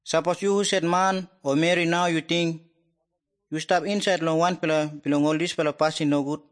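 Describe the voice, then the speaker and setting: A man delivering an evangelistic gospel message as a preacher. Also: fairly high pitch.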